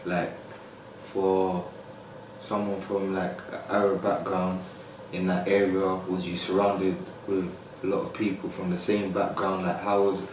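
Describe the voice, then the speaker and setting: Male podcast host, deep monotone, casual, distant and roomy. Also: unhurried, background noise. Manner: easygoing, frequent "like" and "yeah". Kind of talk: casual interview.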